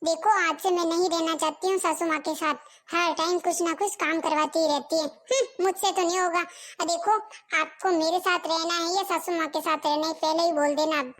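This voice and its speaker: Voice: extremely high pitch, fairly even intonation, moderate pace, fairly bright tone. A voice actor playing a young daughter-in-law in a cartoon comedy, who complains and pleads. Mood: complaining. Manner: pleading, defensive.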